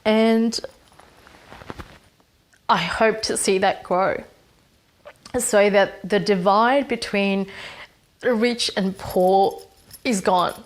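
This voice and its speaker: A young woman from Fiji, a program manager, giving a hesitant, earnest talk from home with many pauses and fillers. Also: medium pitch, steady tone. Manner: hesitant, many ums and restarts. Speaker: social impact program manager. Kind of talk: recorded personal talk from home.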